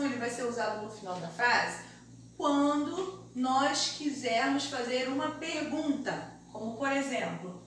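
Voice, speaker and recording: A Brazilian woman teaching a remote lesson to young children, explaining slowly and deliberately in a sing-song way. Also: sits high. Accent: Brazilian Portuguese. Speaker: primary school teacher. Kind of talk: remote primary school lesson. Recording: very echoey room, mic far off, faint hiss.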